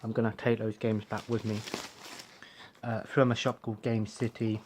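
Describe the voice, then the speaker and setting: A young man, talking quietly in a rambling vlog at home, with plenty of ums and uhs. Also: lowish voice, little pitch movement, moderate pace, slight background noise. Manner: soft-spoken, keeping his voice down. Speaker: collector showing purchases. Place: bedroom at home.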